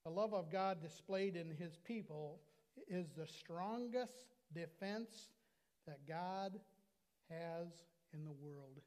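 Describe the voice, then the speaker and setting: Older guy preaching at a little church pulpit, slightly high voice, drags out key words, lapel mic. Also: darkish tone. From United States. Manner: earnest preaching, slows and stresses key words. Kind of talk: sermon. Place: church sanctuary, small.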